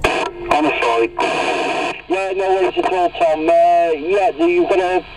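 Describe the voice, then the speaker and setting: Over CB radio, a man with a slightly high voice takes his time, trading signal reports in casual radio jargon as one of the operators calling in. The transmission is received distantly and very noisily, buried in loud radio noise.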